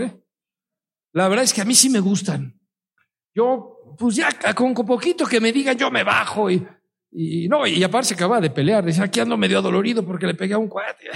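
A middle-aged man with a Mexican Spanish accent, preaching a sermon in a conversational way, with stories and rhetorical questions. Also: fairly high pitch. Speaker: pastor.

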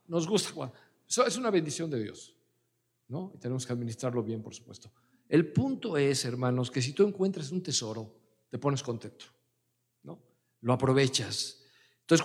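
Mexican pastor preaching in a reverberant hall. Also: male voice, mid-range voice. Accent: Mexican Spanish. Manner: conversational preaching with personal anecdotes. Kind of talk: sermon.

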